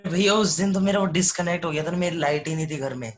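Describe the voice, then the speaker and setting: A man's voice: fairly high pitch, fast talker, over music. A male student on an online class, apologetic, explaining why he missed a lesson.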